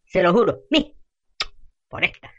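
A fiery, foul-mouthed gossip. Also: female voice, fairly low pitch, expressive, measured pace, highs cut off. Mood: indignant. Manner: indignant rants with rural slang.

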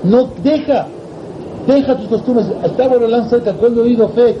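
High-voiced man telling a sermon story. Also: normal speed, background noise. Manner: animated storyteller, repeats words for effect. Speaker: religious teacher. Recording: dull lo-fi recording.

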